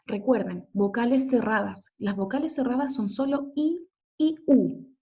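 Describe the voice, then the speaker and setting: A woman's voice: fairly high pitch, animated, measured pace, warm tone. A woman teacher giving a recorded grammar lesson over slides, patiently spelling out letters and syllables and checking in with her students. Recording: dull lo-fi home recording.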